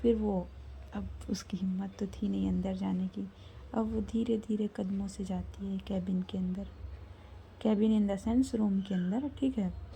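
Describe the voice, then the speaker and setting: A woman narrating a serialized love story in a soft, often half-whispered manner. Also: medium pitch, steady tone, measured pace, gravelly, a little hiss or hum, poor audio.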